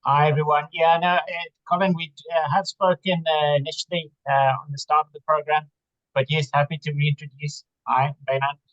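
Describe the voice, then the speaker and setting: A man on the faculty greeting new fellows on a video call, quick with fillers. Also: a little high, flat delivery, a bit bright, dry recording. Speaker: program faculty. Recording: muffled video-call audio.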